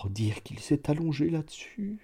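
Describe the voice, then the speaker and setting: A man's voice: mid-range voice, animated, slow, creaky, mellow, breathy edge, voice pushed up, heavily acted. A man voicing a sentimental middle-aged bourgeois, a former mayor, speaking in an emotional, sobbing way in a storybook reading. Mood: musing.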